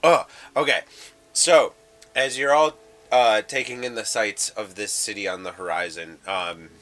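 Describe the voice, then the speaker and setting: Deep, slow halting male game master. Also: fairly bright tone. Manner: halting, full of fillers. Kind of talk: improvised game narration. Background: faint background music.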